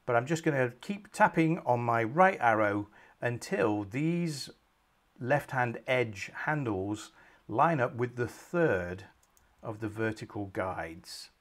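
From his small home office, a middle-aged man presents a screen-recorded software tutorial at a medium pitch. He takes it slowly, calmly covering every step while frequently saying "um."

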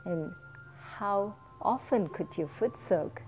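Slow, mellow woman guiding a meditation. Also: mid-range voice, soft background music. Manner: slow, gentle, step-by-step instructions. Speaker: meditation teacher. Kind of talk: calm instructional guided meditation.

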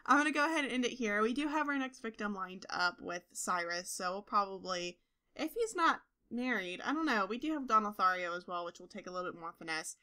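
With a brisk delivery, a young woman who hosts gaming videos narrates her life-simulation gameplay in a relaxed, chatty way. She sweet-talks the characters, addresses viewers directly, and has excitable bursts, all in a bright, clear, mid-range voice.

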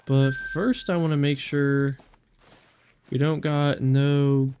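A man giving casual, excitable commentary while he plays a hunting game, talking to himself as he lines up shots. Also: fairly high pitch, slow, slight background noise. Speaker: gaming channel host.

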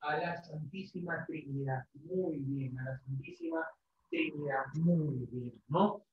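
Male teacher, slightly high voice, lecturing a class; repeats himself, rhetorical tags, lots of fillers; roomy, muffled lo-fi recording. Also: very animated, slow pace, a little hiss or hum. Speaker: literature teacher. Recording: echoey classroom, dull lo-fi sound.

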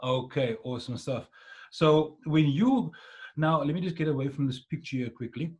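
A South African man hosts a casual podcast in a husky voice that sits a little high. He chats informally over a video call. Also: lively intonation, normal speed, darkish tone. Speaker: podcast host. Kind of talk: casual interview chat. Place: dim indoor room, video call.

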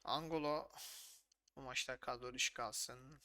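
A man commentating his own football video game session in a casual, excitable way, swearing freely, arguing with his players and calling the action like a match announcer. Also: medium pitch, a little slow. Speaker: gaming YouTuber.

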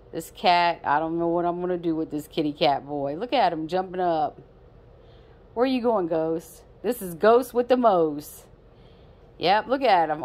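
A woman's voice: fairly low pitch, darkish tone. A woman casually vlogging her pet cat at home on a phone, playful and repetitive as she talks fondly to him.

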